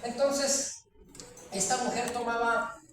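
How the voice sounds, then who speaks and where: A woman preacher delivers a dramatic testimony, checking in with the audience and repeating phrases for weight. Her voice stays on a flat, narrow pitch. It is picked up from far off in a large hall with heavy echo. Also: slow, background noise. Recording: very echoey from far off.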